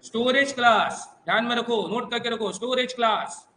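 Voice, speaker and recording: A male teacher with an Indian English accent runs a last-minute exam revision class and keeps firing questions back at the room. His voice sits very high and sounds bright and sharp. The classroom gives it a noticeable echo. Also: moderate pace, a little hiss or hum. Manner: drilling students with call-and-response questions; reassuring and coaxing, addresses students as "beta". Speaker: computer teacher. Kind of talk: exam revision lecture to students.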